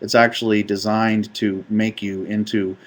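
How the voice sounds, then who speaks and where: A man's voice: lowish voice, little pitch movement, a little slow. A man presenting on brand design at a live session, speaking loosely with frequent ums. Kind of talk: conference presentation.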